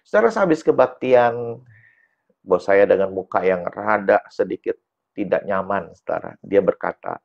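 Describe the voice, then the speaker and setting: A male pastor preaching a sermon with a gravelly, low voice. He tells a story and keeps turning to the congregation. The church recording sounds dull and lo-fi. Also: expressive, normal speed. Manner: tells a story, often calls the congregation "saudara". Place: church service.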